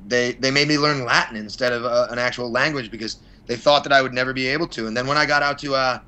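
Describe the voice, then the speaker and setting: The audio is poor on this clip of a fight promoter being interviewed for a podcast. His mid-range voice stays fairly even in intonation, moving quickly with a bright, forceful tone. His answers are blunt, opinionated, rambling and mildly profane.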